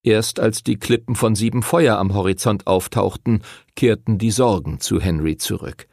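A man narrating a fantasy audiobook in an expressive storytelling manner. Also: on the low side, moderate pace, creaky, no room sound, clean studio sound.

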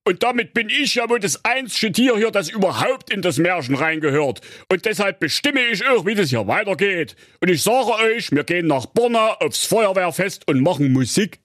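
A man's voice: sits high, expressive, normal speed, few pauses, a bit bright, no room sound, studio quality. A man playing a bossy, hot-tempered male donkey who leads a band in a comedic radio play. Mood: exasperated. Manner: bossy, blustering.

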